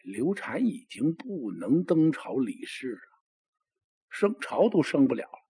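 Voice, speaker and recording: Dramatic male storyteller with a husky voice. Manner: dramatic, exclamatory, with lots of pitch swings. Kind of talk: traditional Chinese storytelling.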